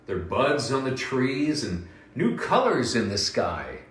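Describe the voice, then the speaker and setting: A man voicing a cheerful little mouse and bird with high, bright squeaky voices. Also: sing-song, measured pace, reverberant, far from the mic. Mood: cheery.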